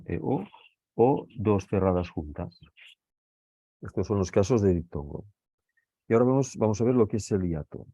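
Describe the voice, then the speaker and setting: A man's voice: low voice, warm tone, no room sound. A male teacher from Spain giving a grammar lesson, explaining patiently step by step and often checking in with his listeners. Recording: dull lo-fi recording.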